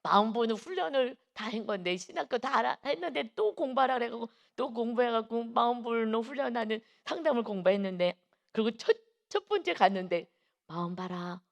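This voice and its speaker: Gravelly-voiced woman preaching a sermon. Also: on the high side, lively intonation, a little fast. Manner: earnest storytelling, acting out quoted voices; swings from hushed to emphatic. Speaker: pastor. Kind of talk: early-morning sermon with personal story.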